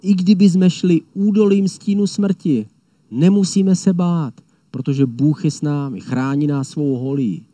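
A man's voice: fairly high pitch, fairly even intonation, no room sound, voice pushed up, natural voice. A man voicing a mighty encouraging lion. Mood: reassuring. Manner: shouting encouragement.

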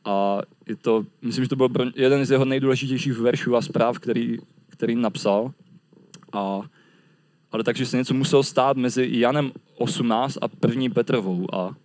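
A man's voice: medium pitch, a little mellow, dry recording. A man preaching a sermon in a reflective, conversational way.

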